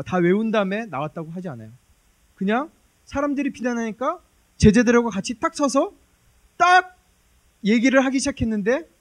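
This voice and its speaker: Man preacher with a high voice, chatty and lively sermon storytelling.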